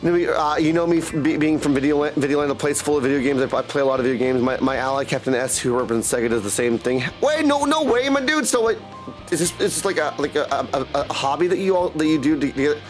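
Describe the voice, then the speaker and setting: In a low-quality recording with music behind it, a man with a fairly high voice speaks fast. He's a voice actor and audiobook narrator hosting a video game livestream, chatting casually and flitting between replies to viewers and catchphrases.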